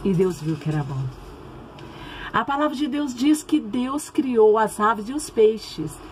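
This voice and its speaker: A woman's voice: on the high side, lively intonation, unhurried, poor audio. A woman with a Brazilian accent telling Bible stories to young children in a simple, repetitive, sing-song manner. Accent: Brazilian Portuguese. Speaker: children's Bible story teacher. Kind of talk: storytelling lesson for young children. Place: at home. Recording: noticeable background noise, home recording.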